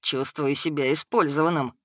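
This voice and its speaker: A woman voicing a calm, sarcastic, centuries-old male dragon shapeshifter in an audiobook, in a low vibrating voice. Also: normal speed, dry recording, studio quality. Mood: calm, sardonic. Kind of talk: audiobook character voice.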